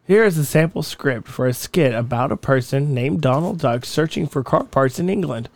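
A man's voice: medium pitch, lively intonation, normal speed, creaky, no room sound. A man hosting with crude, bossy banter, switching between ribbing and narrating a skit. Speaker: podcast host.

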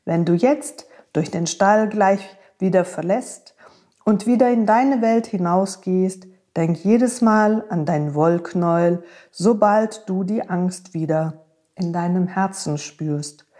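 Woman doing a wise gentle horse, storybook, tender, reassuring, low voice, very slow. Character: wise gentle horse, big caring friend.

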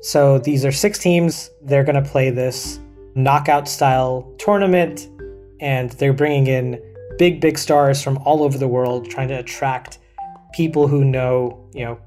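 A man's voice: mid-range voice, fairly even intonation, unhurried, a little mellow, soft background music. A man from Pakistan, a senior producer and reporter, talking casually and chattily in an interview, often saying "like" and "you know".

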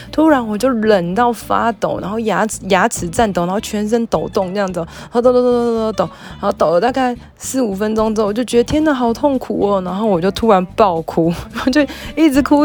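A young woman, a psychologist hosting her own show and chatting through a personal story with lots of fillers. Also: lowish voice. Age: young adult. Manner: chatty, animated retelling with many fillers. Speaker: podcast host, psychologist. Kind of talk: casual storytelling monologue.

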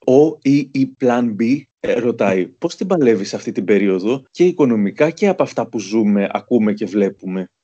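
A man's voice: lowish voice, animated, few pauses, mellow, breathy edge, dull audio. A male interviewer reading listener questions in a casual chat and laughing along.

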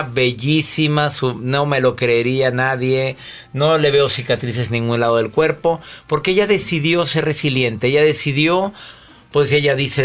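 A man hosting a talk show interview and asking questions in a lively, expressive way. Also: medium pitch.

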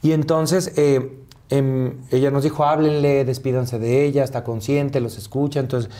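Guy in his 30s telling a personal story softly, mellow warm tone, lots of ums. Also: medium pitch, little pitch movement. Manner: soft-spoken, halting, many fillers. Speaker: interview guest.

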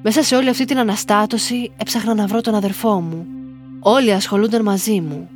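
A woman reading a listener's first-person story aloud in slow, measured scripted narration. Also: medium pitch, fairly even intonation, soft background music.

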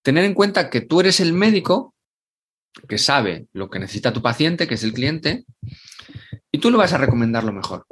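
Husky, animated man. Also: fairly high pitch. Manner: emphatic, acts out clients and doctors in quick asides. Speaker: guest, sales and LinkedIn growth expert. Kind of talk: animated podcast interview answer.

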